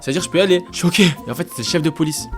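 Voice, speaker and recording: Young man telling a wild story fast. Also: soft background music. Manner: animated, slangy storytelling that jumps into high excited voices. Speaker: streamer and vlogger. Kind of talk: storytelling on a live stream.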